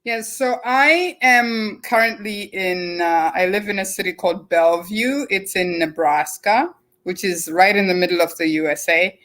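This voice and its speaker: A woman's voice: mid-range voice, normal speed, a bit bright. A woman in her forties from Zimbabwe, with a mixed Zimbabwean, English and American accent, telling her story as an interview guest. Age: 40s. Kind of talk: casual interview chat.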